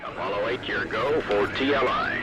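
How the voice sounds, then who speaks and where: A man's voice: fairly low pitch, moderate pace, over loud music. A man giving clipped, procedural mission control calls over a distant space radio transmission. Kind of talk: archival flight radio calls.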